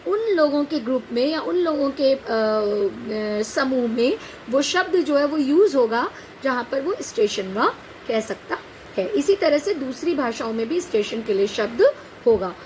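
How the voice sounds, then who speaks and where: A woman with a high, bright-pitched voice teaches a class in a patient, explanatory way. She keeps asking rhetorical questions and checking whether her students follow. Faint noise hums behind her. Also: animated, a little slow, low-quality recording. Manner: patient, addresses students as "बेटा". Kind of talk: classroom lecture on a set text.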